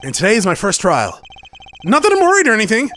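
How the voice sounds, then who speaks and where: A man's voice: sits high, wildly swooping pitch, quick pace, pushed and bright, pitched above the performer's own voice, exaggerated voice. A man voicing an anxious, eager young rookie defence lawyer from a video game, stammering and over-assuring. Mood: panicky, eager.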